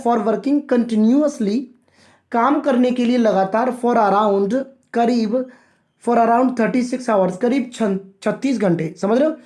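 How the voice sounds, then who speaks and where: A man teaching English vocabulary from a newspaper, reading phrases slowly and explaining each in Hindi, repeating himself and addressing viewers as friends. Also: extremely high pitch, darkish tone. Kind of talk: line-by-line newspaper vocabulary lesson.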